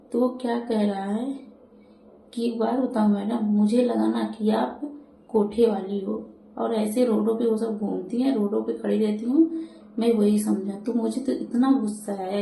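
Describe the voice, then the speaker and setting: A woman's voice: medium pitch, mellow, a little hiss or hum. A woman vlogger telling a story in a casual, chatty way, repeating herself and acting out what others said. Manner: chatty, repetitive, acts out the driver's lines. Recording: echoey room.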